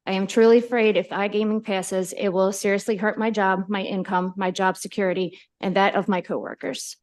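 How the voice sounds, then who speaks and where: Woman reading her testimony, heartfelt and pleading, mid pitch. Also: steady tone, brisk. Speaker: public witness.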